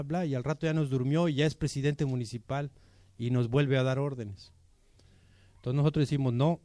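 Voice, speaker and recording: A man's voice: medium pitch, mellow, dry recording. A man with a Mexican accent giving an informal political speech to a community assembly, colloquial and persuasive, with many rhetorical questions. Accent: Mexican Spanish.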